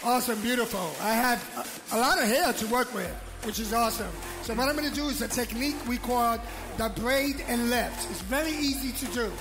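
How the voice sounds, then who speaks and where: Upbeat American stylist, high voice. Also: male voice, a little fast, hardly any pauses. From United States. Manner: upbeat instructive patter to the audience. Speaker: hair stylist demonstrator, presenter. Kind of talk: live stage demonstration. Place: large indoor trade show stage. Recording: loud background music over PA.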